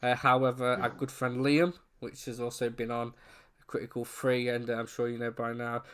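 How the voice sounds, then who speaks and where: A man's voice: mid-range voice, monotone, moderate pace, a bit bright, smooth. A man co-hosting a casual film discussion in a chatty, informal way, with slightly unclear R sounds. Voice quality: trouble pronouncing his R's. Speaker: co-host of a film review show.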